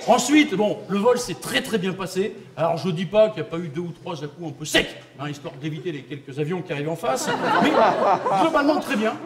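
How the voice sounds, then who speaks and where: A man's voice: sits high, expressive, fairly quick, a crowd in the background. A young man from France doing stand-up comedy on a theatre stage, mocking and conversational. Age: young adult. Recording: live theatre, loud audience laughter.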